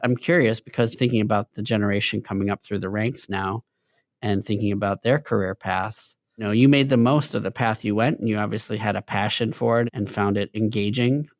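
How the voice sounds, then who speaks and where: Friendly guy doing the interview, deeper voice, dead dry recording. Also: fairly even intonation, a little fast, no echo. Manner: friendly, laughs easily, affirming. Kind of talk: conversational interview.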